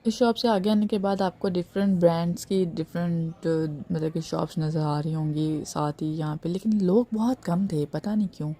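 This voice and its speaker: A woman's voice: fairly low pitch, steady tone, normal speed, hardly any pauses, warm tone. A woman from Pakistan, chatting casually as a travel vlogger, giving advice and using many fillers while she tours an airport. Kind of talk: casual travel-guide narration. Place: airport terminal, recorded while touring.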